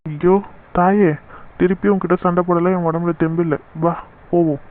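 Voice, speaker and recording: A man's voice: high-pitched, fairly even intonation, normal speed, phone-quality sound, lightly acted. A man voicing a blunt, teasing young man in a cartoon series. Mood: exasperated. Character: gruff young man, brother figure, softening. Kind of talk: cartoon web series dialogue.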